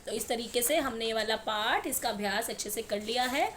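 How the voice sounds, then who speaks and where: High-voiced woman teacher explaining patiently. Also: fairly bright tone, slight background noise. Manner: patient, step-by-step, repeats answers slowly. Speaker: primary school teacher. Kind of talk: explaining a textbook lesson to children.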